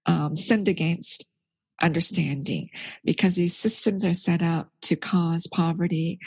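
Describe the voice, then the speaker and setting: A woman's voice: on the low side, darkish tone, breathy edge, no room sound, rough recording. A middle-aged woman author, born in Korea and raised in Canada, speaking thoughtfully and earnestly in an interview, with many fillers. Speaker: author, theologian guest. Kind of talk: interview conversation.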